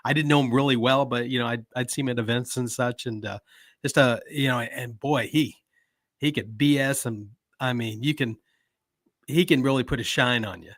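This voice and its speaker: A man co-hosting a podcast, telling a story slowly and filling it with "uh" and "you know". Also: mid-range voice, a bit bright, no room sound, studio quality. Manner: hesitant, lots of uhs and you-knows. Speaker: podcast co-host. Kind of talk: casual storytelling.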